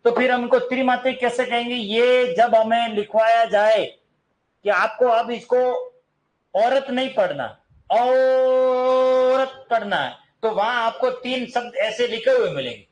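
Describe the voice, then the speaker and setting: A man's voice: very high voice, moderate pace, poor audio. A man teaching a grammar lesson, asking his class questions, answering them himself, and singing snatches of songs as examples. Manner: sings snatches of songs to show long vowels.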